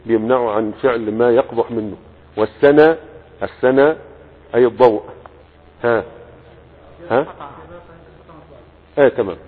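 An Egyptian sheikh with a husky, medium-pitched voice teaches a classical Arabic morphology text, speaking at a moderate pace with fairly even intonation and long pauses. He reads the text, then explains it in colloquial Egyptian asides, checking in with students. The sound is phone-like and echoes as in a hall.

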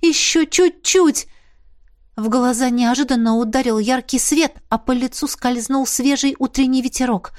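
A woman narrating a first-person fantasy audiobook in an expressive, breathless way. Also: high-pitched, moderate pace, few pauses, no echo, clean studio sound. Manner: expressive, breathless in tense moments.

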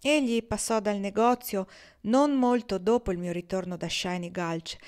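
A woman reading an audiobook aloud, voicing a kindly male shopkeeper in a soft, lowered voice. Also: close to an everyday voice.

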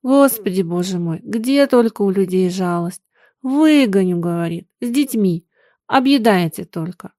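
A woman's voice: a little high, darkish tone, dry recording, studio quality, natural voice. Woman reading as a grieving peasant mother. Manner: plaintive, sighing folk speech.

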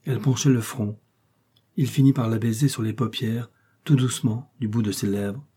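A man narrating a classic novel in a measured, expressive audiobook reading. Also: medium pitch, slightly rough.

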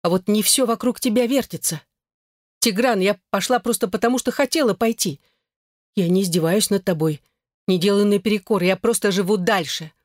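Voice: mid-range voice, moderate pace, no room sound, studio quality, voice pushed up, lightly acted. A reader voicing an angry young woman arguing with her ex-husband in an audiobook. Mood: defensive. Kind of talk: audiobook character voice.

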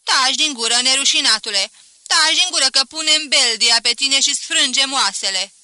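A woman's voice: sits high, lively intonation, sharp tone, dry recording, voice pushed up, full character voice. A woman voicing a furious, threatening old spinster who shrieks insults.

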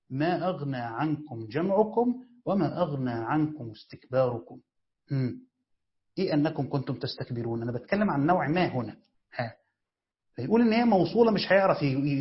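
Fast-talking Egyptian man teaching a lesson. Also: on the high side. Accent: Egyptian Arabic. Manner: quizzes listeners then answers his own questions. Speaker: teacher of Quran exegesis. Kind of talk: classroom lesson, explaining grammar. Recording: dull lo-fi recording.

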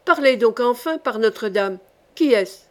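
A woman voicing a furious medieval king in an audiobook, shouting and roaring. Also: fairly high pitch, animated, measured pace. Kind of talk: audiobook reading.

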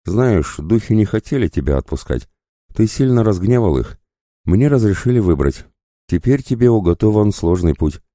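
A man voicing a calm, earnest young woman healer in an audiobook, speaking softly and steadily. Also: on the low side, moderate pace, no room sound, clean studio sound, pitched above the performer's own voice.

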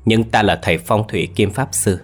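Man voicing a boastful old sorcerer, scheming, low voice, husky. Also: a little fast, faint music behind. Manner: boastful, then pleading.

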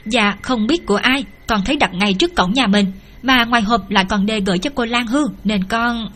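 Woman narrator as a flustered housemaid, hurried and humble. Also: fairly high pitch, fairly bright tone. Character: flustered female household servant.

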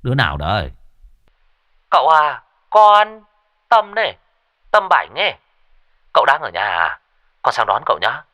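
A man voicing a brash young village man who talks shrilly, fast and pushily. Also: wildly swooping pitch, sharp tone. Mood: excited pleading. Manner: shrill, rapid and pushy.

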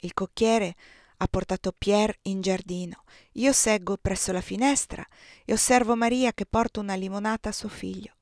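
A woman reading a novel aloud as an audiobook, measured and quietly voicing the dialogue. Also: mid-range voice, fairly even intonation, no echo, studio quality. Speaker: audiobook reader.

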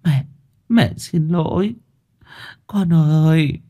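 A man's voice: fairly high pitch, very slow, warm tone, voice pushed up. A man playing a tearful grieving mother. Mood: remorseful. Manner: emotional, tearful. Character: grieving middle-aged mother, tearful and remorseful.

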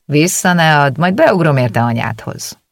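A reader voicing a teasing, laid-back teenage boy in an audiobook, with a gravelly edge. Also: mid-range voice, lively intonation, dry recording, clean studio sound. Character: young man, teenage schoolboy, teasing.

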